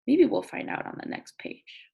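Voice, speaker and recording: A woman reads a nonfiction book aloud as a teacher of young children might. Expressive and deliberate, she regularly asks listeners questions and thinks out loud through simple explanations.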